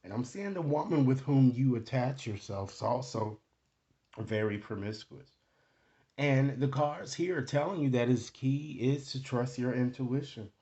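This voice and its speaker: Speaking a little slowly in a medium-pitched, dark-toned voice, a male tarot host improvises a casual card reading for the viewer. He often checks in with short tag questions, and the audio sounds dull.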